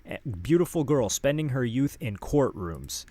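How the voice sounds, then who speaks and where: An American man with a mid-range voice and big pitch swings delivers celebrity gossip commentary at a moderate pace, reading posts out loud between his own remarks. The sound is dry, with very little room in it and no echo.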